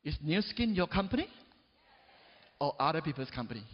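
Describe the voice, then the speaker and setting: With a sing-song, fairly quick delivery, a motivational speaker in his forties works the stage, often asking the audience "right?" and "yes or no?" He's emphatic, his volume climbing high and sinking low. The recording is dull and reverberates as if in a large hall.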